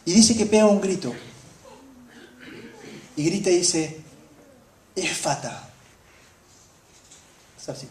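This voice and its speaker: A woman preaching a sermon, questioning her congregation and swinging between loud exclamations and hushed asides. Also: lowish voice, measured pace, long pauses, reverberant, slight background noise.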